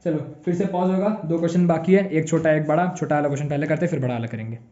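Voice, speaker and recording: A young man with an Indian English accent gives a casual recorded maths lecture, playfully acting out students' replies and teasing them. His voice sits high but mellow and soft-edged. The recording sounds slightly dull and lo-fi. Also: racing. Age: young adult. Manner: chatty, playful, plays imagined students back and forth. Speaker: maths teacher.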